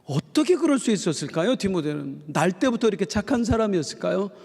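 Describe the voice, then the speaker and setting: A middle-aged man preaching a sermon as pastor, telling stories in a folksy, animated way. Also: high voice, quick pace, gravelly, breathy edge. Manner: folksy, animated storytelling with acted quotes. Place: church sanctuary. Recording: long church hall reverb.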